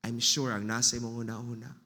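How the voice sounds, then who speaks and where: A man with a Filipino accent preaching a sermon as pastor, slow and emphatic, in a church hall. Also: medium pitch, flat delivery, pushed and bright. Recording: long reverb of a church hall.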